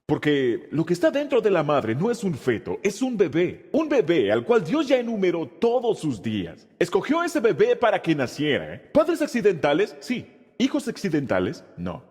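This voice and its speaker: A man preaching a sermon with a husky voice that swings widely in pitch. He speaks slowly and emphatically, leading his congregation in call-and-response recitation. The sound carries a long reverb from the hall. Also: darkish tone. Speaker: pastor. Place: church hall.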